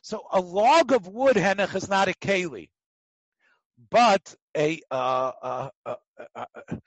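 A man teaching a religious text class in a lively conversational way, posing questions and answering them himself, repeating phrases for emphasis. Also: high-pitched, slow, dry recording, poor audio.

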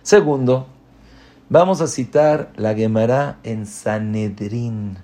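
A man gives a religious lecture full of stories. His voice is dark and mellow, and he speaks at an unhurried pace. His pitch jumps up for quoted questions, and he turns quiet and low for the main points. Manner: lively storyteller, rising to a high pitch for quoted questions; drops to a quiet, low voice for punch lines. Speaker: Torah teacher.

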